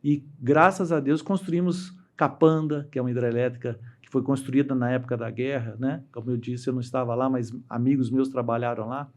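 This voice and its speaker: This middle-aged Brazilian man, a dam engineer, recounts stories in a relaxed interview, his Brazilian Portuguese accent clear. Medium in pitch and steady in tone, he halts often, restarts, uses fillers, and voices the characters he quotes.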